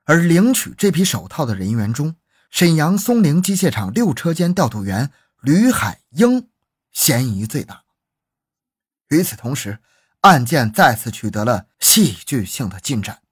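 Brief: male documentary narrator, husky, animated pitch, dramatic true-crime reading. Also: unhurried, dry recording, studio quality. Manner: dramatic, suspenseful storytelling.

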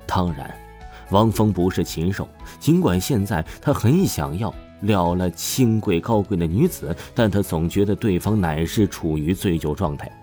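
Low, mellow male storyteller, very expressive, dramatic audiobook narration over soft music. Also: normal speed. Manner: dramatic storytelling, voices all roles. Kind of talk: scripted narration. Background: soft background music.

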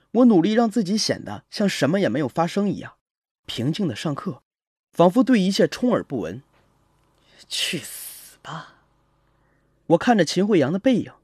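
Man, husky voice, lively pitch, dramatic horror narration, faint music behind. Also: dry recording, clean studio sound. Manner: tense, expressive storytelling.

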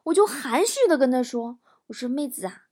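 A woman talk show host, telling comic stories in a lively, teasing way and acting out the people she quotes. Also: high-pitched, brisk. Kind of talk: comic storytelling monologue.

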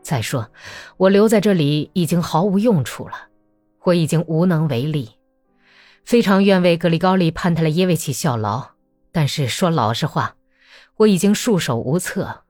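A woman's voice: low voice, expressive, moderate pace, a little mellow, no room sound, studio quality, soft background music. A woman reading a novel aloud, voicing a tired male country doctor who speaks bluntly and with resignation. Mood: resigned. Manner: tired, plain-spoken.

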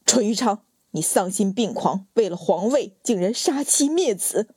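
A stern emperor from a palace storybook, cold and commanding, with a measured delivery, as a woman narrator puts him on. The tone is mellow and soft-edged, heard close with no room sound. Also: mid-range voice, animated, slightly rough, no echo.

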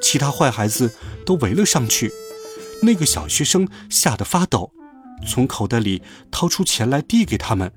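Lively male storyteller. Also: mid-range voice, moderate pace, soft background music. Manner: animated, expressive storytelling. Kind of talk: scripted children's story narration.

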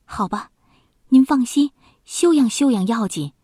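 A woman plays a loyal young palace maid in a storybook tale. Her voice sits higher and lifts with urgency. She speaks quickly and earnestly, with a slight huskiness. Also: expressive, warm tone, no echo, clean studio sound. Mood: reassuring. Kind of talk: children's story narration.

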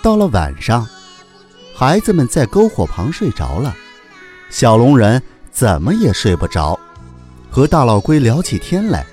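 A man narrating a children's story in a very animated, deliberate way. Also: medium pitch, soft background music.

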